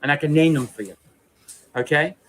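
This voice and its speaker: A former mobster in his 30s from New York City makes a video statement, delivering a defiant monologue to camera. He's blunt, boastful, insistent, and profane, with a voice on the high side, a bit fast and fairly bright.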